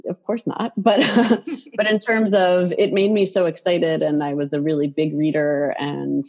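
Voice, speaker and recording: Chatty low-voiced woman, husky. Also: little pitch movement, unhurried, darkish tone, muffled recording. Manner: chatty, rambling, with many fillers and restarts. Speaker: children's picture book writer, guest. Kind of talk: casual interview conversation.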